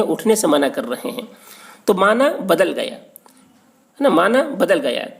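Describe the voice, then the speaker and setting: A man giving a religious lesson on recitation marks, explaining slowly and patiently, repeating key terms and checking in with the listener. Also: high-pitched, creaky. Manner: patient and repetitive, often checks with "okay". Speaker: religious teacher.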